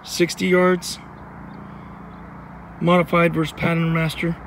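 A man in his thirties talks through his results in a plain, matter-of-fact way, his voice sitting a little high. He stands on an open-air range with the camera set back from him, and faint outdoor noise runs underneath. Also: completely flat delivery, unhurried. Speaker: channel host. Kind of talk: casual outdoor gear review. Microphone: camera mic at a distance.

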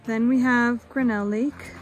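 A woman's voice: a little high, fairly even intonation, measured pace, soft background music. Chatty young woman vlogging a hike. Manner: chatty, laughs often. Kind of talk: casual hiking vlog. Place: mountain trail outdoors. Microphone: phone at arm's length.

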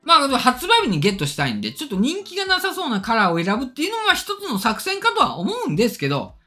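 A man's voice: extremely high pitch, wildly swooping pitch, quick pace, sharp tone. A middle-aged man chatting casually as a tech channel host, reading and answering viewer comments politely and emphatically, his diction slightly slurred by orthodontic braces. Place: indoor studio or room, seated at desk. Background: faint music.

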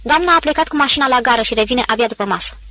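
A woman's voice: on the high side, sharp tone. A woman voicing a hesitant, deferential male gardener, in an audiobook reading. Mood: cautious.

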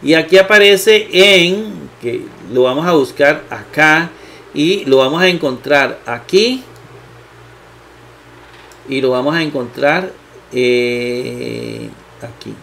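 A man walks through a grammar lesson in a slightly raised voice. He talks unhurriedly, repeating key terms, filling pauses with hesitations and checking in with rhetorical questions. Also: on the high side, creaky, pushed and bright, slight background noise. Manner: slow, repetitive, with many fillers and rhetorical questions. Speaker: Bible teacher.

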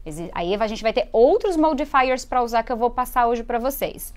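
Hosting a live English class online, a Brazilian teacher and show host explains vocabulary in a lively manner and prompts viewers to repeat after her. Her pitch is fairly high, and she talks at a normal speed.

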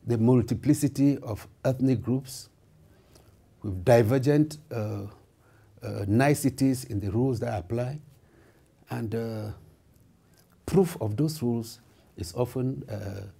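A man's voice: mid-range voice, vocal fry, warm tone. A middle-aged man from Cameroon, a lawmaker and lawyer, giving formal, reflective interview answers with frequent hesitations in an indoor office. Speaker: member of parliament and lawyer. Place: indoor office with wood paneling.

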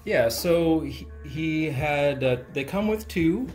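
A man playing a tabletop wargame, explaining his moves in a steady, methodical way. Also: fairly high pitch, slow pace, soft background music. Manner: steady, methodical, hesitant fillers. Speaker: player. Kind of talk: casual tabletop game talk.

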